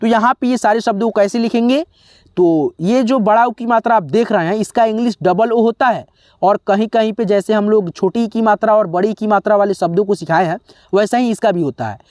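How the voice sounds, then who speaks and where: A man teaching a spelling lesson, slowly sounding out letters one by one and often pausing to check in with his viewers as friends. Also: high voice, a little mellow, dry recording, clean studio sound. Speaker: English teacher.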